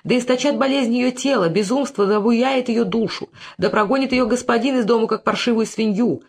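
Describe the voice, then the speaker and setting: A reader voicing a scheming, flattering Phoenician moneylender in an audiobook, oily and wheedling in manner. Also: mid-range voice, a little fast, close to an everyday voice. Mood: cursing. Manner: oily flattery turning to angry cursing. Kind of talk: audiobook character reading.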